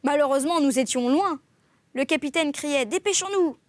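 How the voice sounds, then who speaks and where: This is a woman reading a classic novel aloud, in an expressive literary style. Her voice sits high, and the recording is close and dry with no room sound. She gives each exclamation a clear lift. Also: moderate pace, no echo. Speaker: audiobook reader.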